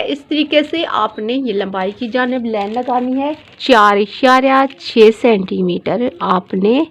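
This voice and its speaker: Slow, patient woman teacher. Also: on the high side. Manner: patient, repeats each measurement. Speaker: dress designer teaching pattern drafting. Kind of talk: step-by-step sewing tutorial.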